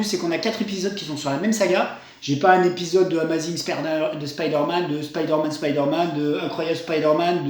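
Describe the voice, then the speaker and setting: High-voiced man in a very echoey room. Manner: enthusiastic, rambling with many fillers and restarts. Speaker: comics reviewer. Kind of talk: casual review monologue.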